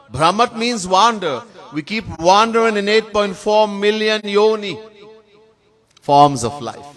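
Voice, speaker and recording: A man with a Trinidadian accent giving a sermon as a swami in a temple, chanting Sanskrit verses slowly in a sung tone between plain teaching. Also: medium pitch, fairly bright tone. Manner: lists words in long spoken series. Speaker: swami giving a spiritual discourse.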